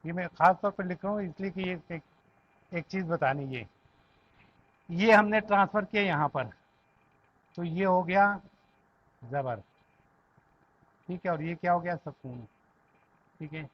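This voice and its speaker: A man's voice: high voice, unhurried, pauses often. A man with an Urdu accent teaching Arabic grammar to a class, patiently reciting verb conjugations in lists and checking that students follow. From Pakistan. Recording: dull lo-fi classroom recording.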